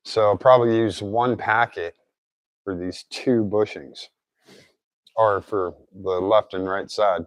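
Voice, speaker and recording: A man with a fairly low voice talks informally through a hands-on repair job, thinking out loud as he goes. His articulation is a little off, as if getting used to his mouth after dental surgery. The sound is very dry, with hardly any room in it. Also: steady tone, slow, no echo. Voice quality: slightly off articulation after recent oral surgery. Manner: informal, thinking aloud while working. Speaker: DIY car repair presenter. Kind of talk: casual hands-on tutorial narration.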